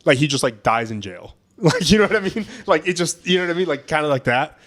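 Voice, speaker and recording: A young man talking quickly as a podcast guest, rambling through his points. He leans on "like" and "you know what I mean" constantly and swears casually. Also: on the high side, lively intonation, fairly bright tone. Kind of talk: casual chat.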